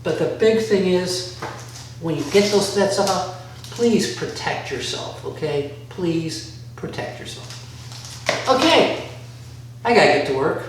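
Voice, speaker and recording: A man's voice: high-pitched, lively intonation, measured pace, long pauses. Man, casual how-to narration, rambling and thinking aloud, heavily echoing bare room, faint background noise. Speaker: DIY vlogger. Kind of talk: casual instructional walk-through. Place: bare concrete-floored workshop room by a garage. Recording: very echoey room, distant mic, faint noise.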